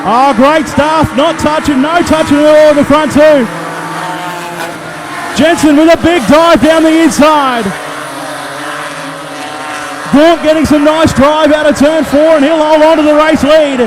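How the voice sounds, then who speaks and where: High-pitched, excited Australian male motorsport commentator. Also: unhurried, pauses often, background noise. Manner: colloquial, punchy race calling. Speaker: speedway race commentator and trackside interviewer. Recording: loud race car engines behind the voice. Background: race cars, engines and tyre squeal.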